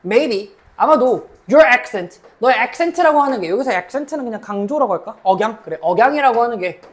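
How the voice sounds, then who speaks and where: A woman lecturing as a cram school English teacher, reading English sentences slowly, then explaining them in Korean and checking in with her students. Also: a little high, expressive. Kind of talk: mock exam explanation lecture.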